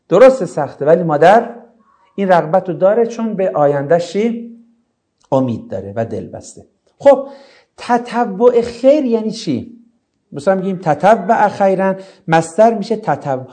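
A male teacher explaining a lesson to his class, often asking rhetorical questions. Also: high voice. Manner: animated, explanatory.

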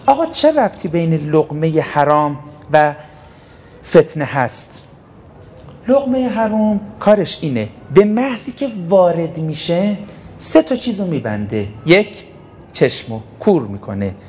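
A man's voice: on the high side, big pitch swings, a little mellow, slight background noise. A man preaching a sermon, emphatic, asking rhetorical questions and answering them himself. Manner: storytelling preacher who acts out short quotes. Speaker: cleric preacher.

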